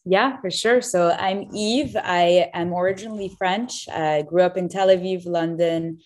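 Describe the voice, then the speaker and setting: Upbeat low-voiced young woman guest. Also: measured pace. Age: 20s. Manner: chatty and upbeat, many fillers and restarts. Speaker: startup founder guest. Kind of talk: casual podcast interview.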